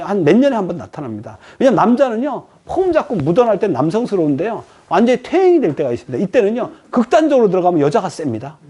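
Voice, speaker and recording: A middle-aged man giving a professor's lecture to a class, animated, asking the room questions and acting out little quoted voices. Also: sits high, husky.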